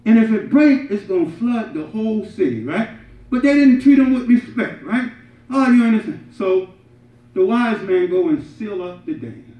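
Delivering Friday prayers indoors, a middle-aged imam preaches to worshippers sitting on the carpeted floor of a mosque hall. He alternates between forceful loud moments and quiet asides, often asking them "right?" at normal speed in a high-pitched voice. Captured on camera, the sound is roomy, distant, and somewhat dull.

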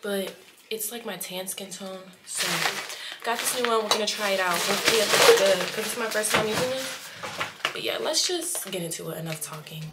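A woman's voice: medium pitch, fairly quick, heavy background noise. A young woman vlogging casually at home, talking to the camera in a rambling way with lots of "um"s and "like"s. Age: young adult. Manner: chatty, rambling with many "um"s and "like"s. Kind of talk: casual vlog chat to camera. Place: small home bathroom and bedroom, indoors.

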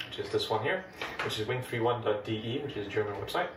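Lowish in pitch and talking fast, a Dutch retro computing host gives a relaxed, chatty step-by-step demo of an old computer among vintage machines. He has a Dutch accent and Dutch is his first language. The recording has a noisy background and an echoey room, with the mic placed at a distance.

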